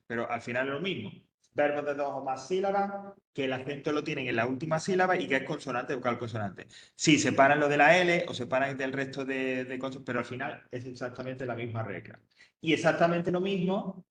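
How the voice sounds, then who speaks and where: A man's voice: medium pitch, a bit bright, roomy sound. A man teaching English grammar to an adult class, patiently repeating each point step by step. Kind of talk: classroom explanation.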